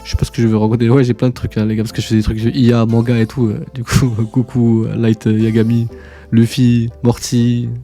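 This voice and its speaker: A man's voice: mid-range voice, level tone, a little fast, mellow, soft background music. A man hosting a casual screen-share tutorial, informal and slangy, chatting to viewers like buddies. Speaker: tutorial host.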